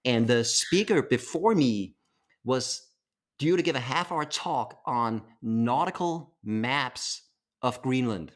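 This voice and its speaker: A man's voice: mid-range voice, animated, slow. A man co-hosting a podcast with an American accent, telling stories in a playful, enthusiastic way. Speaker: podcast co-host. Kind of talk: casual podcast chat.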